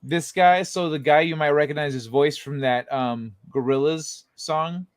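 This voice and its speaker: A man's voice: on the high side, measured pace, no echo, clean studio sound. A young man hosting a late-night livestream, chatting in a laid-back, rambling way and laughing often. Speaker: livestream host. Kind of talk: casual late-night chat.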